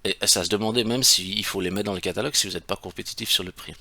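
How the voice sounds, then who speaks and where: A man's voice: deep voice, fast, sharp tone, slight background noise. A man, an e-commerce consultant explaining in a casual, emphatic way and asking his viewers rhetorical questions. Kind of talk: screen-share tutorial.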